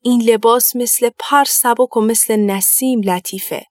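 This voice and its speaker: A woman's voice: fairly high pitch, steady tone, a little mellow, dry recording, natural voice. Woman reading a vain storybook king, pompous and self-pleased, dry close sound. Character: vain, fooled male king.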